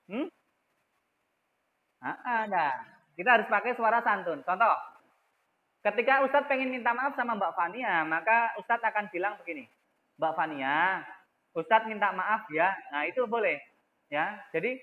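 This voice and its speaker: A man's voice: very high-pitched, narrow, tinny audio. A man teaching young children in an online class, speaking patiently and repeating key words, heard through an echoey video call. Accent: Indonesian.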